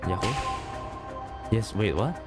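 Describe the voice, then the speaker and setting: A man's voice: on the low side, expressive, takes it slowly. A man streaming a game, chatting, thinking aloud and reading the dialogue out. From Malaysia. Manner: chatty, thinks aloud, restarts mid-sentence. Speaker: VTuber streamer. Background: game music.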